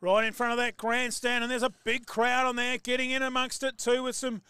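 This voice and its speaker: An Australian man calling live football play-by-play, excitable and rising to shouts on big plays. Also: very high voice, fairly quick, clear, resonant tone, no room sound, clean studio sound. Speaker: football commentator.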